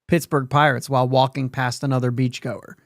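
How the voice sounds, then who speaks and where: A man's voice: mid-range voice, level tone, fairly quick, dry recording, clean studio sound. A man hosting a sports podcast in casual chat, rambling along and laughing often mid-sentence. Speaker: podcast host.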